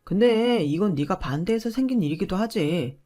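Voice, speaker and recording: A woman's voice: medium pitch, animated, normal speed, dark tone, close to an everyday voice. A woman voicing a selfish, dismissive husband who argues back defensively.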